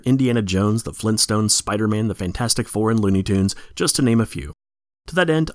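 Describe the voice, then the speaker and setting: A man's voice: lowish voice, no echo, clean studio sound. A tired man hosting a podcast, reading a plainspoken scripted introduction. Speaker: podcast host.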